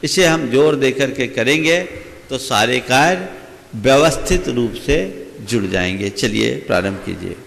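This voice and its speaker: A man preaching in a slow, measured way, his voice gravelly at the edges. He explains carefully and checks that his listeners follow. A long reverb hangs behind him, as in a big hall. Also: mid-range voice, fairly bright tone. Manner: slow, deliberate teaching with questions to the audience. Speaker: Jain monk giving a discourse. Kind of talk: sermon.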